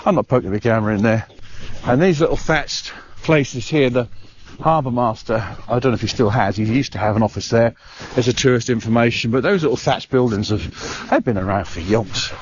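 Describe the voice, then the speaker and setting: Middle-aged male vlogger, slightly winded, chatty and rambling; dull handheld sound with steady outdoor noise. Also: medium pitch, a little fast. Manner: rambling, chatty, with frequent "uh" and restarts. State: out of breath. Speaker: travel vlogger. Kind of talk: casual walking vlog. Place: outdoor park by the water.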